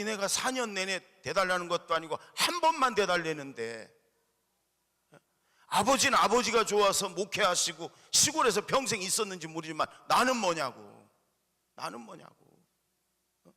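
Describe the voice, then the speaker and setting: Man putting on a frantic young son pleading with his father, bright and tense, ringing through a church hall. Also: medium pitch, vocal fry, full character voice. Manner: pleading, then bitterly accusing. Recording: reverberant church sanctuary.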